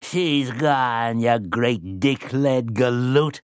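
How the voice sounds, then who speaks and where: A man's voice: clear, resonant tone, dry recording, studio quality. A man voicing a crude old witch woman calling from the darkness, taunting and drawn out. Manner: taunting, high-pitched, drawn-out.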